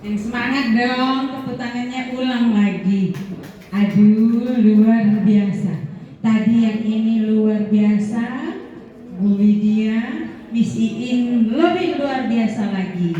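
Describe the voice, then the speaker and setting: A woman moderator warmly praising and teasing speakers as she introduces them. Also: on the high side, slow. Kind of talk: emceeing a training session. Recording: echoey room, distant mic, dull sound.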